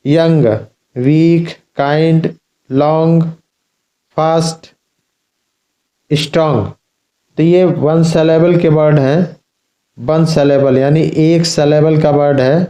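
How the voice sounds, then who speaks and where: A man teaching an English grammar lesson to schoolchildren, explaining slowly and repeating himself. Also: a little high, fairly even intonation, warm tone, echoey room, low-quality recording. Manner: slow, repetitive explaining, addressing children. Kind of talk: classroom lesson.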